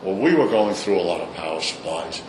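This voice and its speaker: A man's voice: deep voice, animated, a little fast. An older man with a Brooklyn accent telling his stories informally in an interview, in a blunt, salty, opinionated way. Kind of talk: informal storytelling in a recorded interview. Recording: echoey room, clear background noise.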